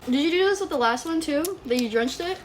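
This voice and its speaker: A woman's voice: high-pitched, expressive, a little fast, a little hiss or hum, poor audio. A young woman with a Chicago accent, a guest chatting playfully and giggling while tasting hot sauce. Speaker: guest, host's best friend.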